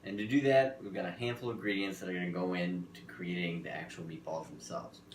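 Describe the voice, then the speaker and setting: Man co-host, deep voice, dry teasing banter, cooking demo in an echoey kitchen. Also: fairly even intonation, fast talker, slight background noise. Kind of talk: casual cooking demo chat. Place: kitchen studio.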